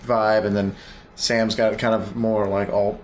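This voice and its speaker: A man's voice: fairly low pitch, little pitch movement, unhurried. A man from Florida, a band member on a radio interview, talking in a laid-back way full of "like". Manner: laid-back, many "like" and "yeah" fillers. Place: radio studio.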